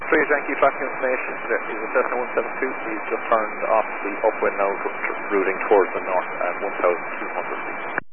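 A man's voice: lowish voice, steady tone, brisk. A male air traffic controller giving clipped, procedural instructions over a radio transmission. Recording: tinny radio band, loud static noise.

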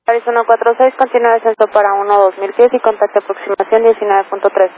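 A man working as an approach controller, giving quick, curt commands over a crackly two-way radio. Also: sits high, flat delivery. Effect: crackly two-way radio transmission. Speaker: air traffic approach controller. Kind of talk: clipped radio phraseology. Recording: narrowband radio channel with faint hiss.

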